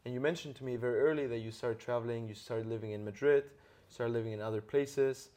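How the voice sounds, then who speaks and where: A podcast host with a mellow, medium-pitched voice talks fast but keeps a steady tone. Throughout the interview he earnestly explains ideas and uses frequent tag questions to check in.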